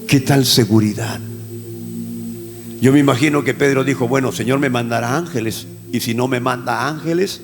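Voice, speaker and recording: A man's voice: mid-range voice, normal speed. A male pastor from Peru preaching a sermon with passion, repeating key words for emphasis. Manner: impassioned preaching with repeated phrases. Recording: church hall reverb with faint music.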